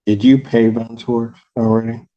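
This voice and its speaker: A man's voice: mid-range voice, level tone, measured pace, dull audio. A man presiding as a judge in court, asking blunt, clipped questions, heard through a courtroom recording. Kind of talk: courtroom proceedings.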